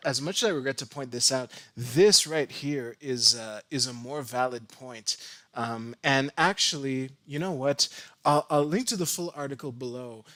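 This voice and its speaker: A man's voice: medium pitch, a bit bright, no echo. Male streamer, casual commentary, stop-start and stammering, dry close sound. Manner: halting, many restarts and stammered repeats. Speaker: live streamer.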